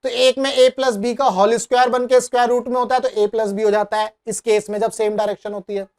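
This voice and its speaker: A male physics teacher working a problem on the board, mixing English terms into his speech and repeatedly asking the class whether it is clear. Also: extremely high pitch, level tone, fast, darkish tone. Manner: asks the class frequent rhetorical check questions; mixes English terms into Hindi, calls students brother. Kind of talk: whiteboard problem-solving lesson.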